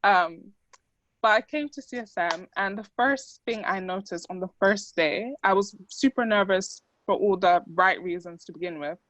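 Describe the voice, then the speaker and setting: A woman's voice: mid-range voice, normal speed, dull audio, slight background noise. Young Dutch-born woman, chatty talk. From Netherlands. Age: young adult. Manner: chatty, many fillers, animated quoting. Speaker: student speaker. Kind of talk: casual talk to an audience.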